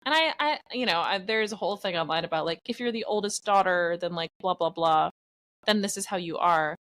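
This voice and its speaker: A woman's voice: fairly low pitch, a little fast, a bit bright. A woman being interviewed about her podcast acting, talking in a rambling, self-deprecating way full of "like". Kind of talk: casual interview chat.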